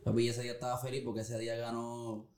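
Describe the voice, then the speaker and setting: Man, casual chat, quick interjections, mid pitch, roomy echo. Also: completely flat delivery, a little mellow. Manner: short interjections and quick comments. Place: recording studio.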